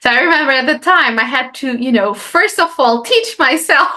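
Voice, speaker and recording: A Portuguese woman, a native speaker of Portuguese, appears as a guest in a casual interview as a life coach, leaning on fillers and often ending sentences with "right?". Her high voice is expressive, bright and forceful, at a moderate pace.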